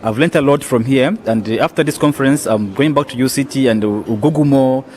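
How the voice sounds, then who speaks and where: A man's voice: mid-range voice, fairly quick, darkish tone, slight background noise. Young guy, student, hesitant with lots of uhs, mid voice. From Zambia. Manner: hesitant, many fillers. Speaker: student volunteer. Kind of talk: interview statement.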